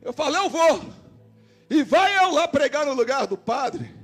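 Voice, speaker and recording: A man with a Brazilian Portuguese accent, a pastor giving an animated sermon and acting out the dialogue in his stories. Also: extremely high pitch, unhurried, faint music behind. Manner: animated preacher voicing quoted dialogue. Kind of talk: sermon with storytelling. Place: church service.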